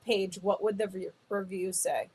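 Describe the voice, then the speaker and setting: A woman's voice: medium pitch, steady tone, moderate pace, a little mellow, breathy edge. A woman co-hosting a podcast over a video call, casual and jokey, blunt, swearing and laughing a lot. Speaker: podcast co-host. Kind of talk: casual chat.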